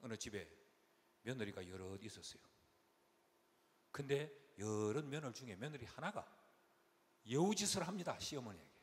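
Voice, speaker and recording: A man's voice: medium pitch, normal speed, long pauses. A middle-aged man with a Gyeongsang Korean accent, preaching a folksy revival sermon and acting out quotes. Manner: animated, folksy, acts out quotes. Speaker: senior pastor, guest revival preacher. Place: large church sanctuary. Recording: long hall reverb, faint noise.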